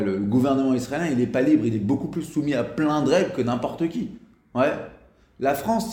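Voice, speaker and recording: A man giving a casual spoken lesson as a religious teacher, talking in a halting way with frequent restarts and fillers. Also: mid-range voice, a little mellow, echoey room.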